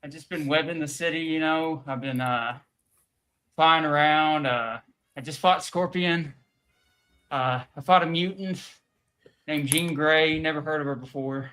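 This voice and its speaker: A man's voice: on the high side, unhurried, pushed and bright. A man playing a jokey, weary young male superhero in character, out of breath and rambling over a video call. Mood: joking.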